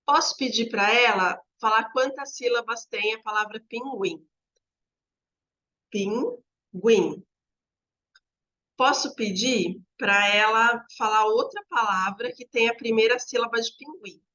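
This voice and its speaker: A woman teaching fellow teachers in a relaxed lesson, walking through word examples one by one and drawing out the sample words slowly. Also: on the high side, muffled recording. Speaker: teacher trainer.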